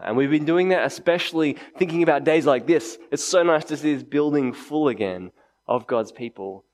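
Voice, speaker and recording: A man preaching a sermon to a congregation in a conversational way, repeating key phrases for emphasis. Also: medium pitch. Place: indoors, church meeting before a congregation.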